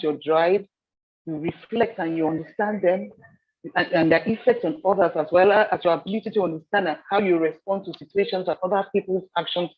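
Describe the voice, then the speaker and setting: A woman from Nigeria leading a soft skills training session, telling stories with animated repetition. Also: mid-range voice, husky, highs cut off. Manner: animated storyteller, repeats phrases. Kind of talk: training seminar talk.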